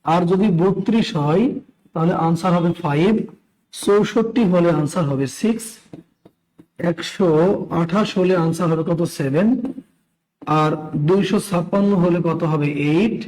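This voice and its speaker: A man's voice: sits high, unhurried, long pauses, a little mellow, poor audio. A tired man with a Bangladeshi Bengali accent and a strained voice teaches a live online math class, repeating steps and quizzing his students. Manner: repeats steps, quizzes listeners, greets chat by name. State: tired, talking slowly.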